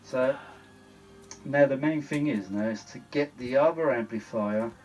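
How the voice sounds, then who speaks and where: In a medium-pitched, darkish voice, a British vintage audio repair vlogger takes his time over a casual, wandering demonstration, chatting away and exclaiming now and then. The recording is noisy, with plain background noise.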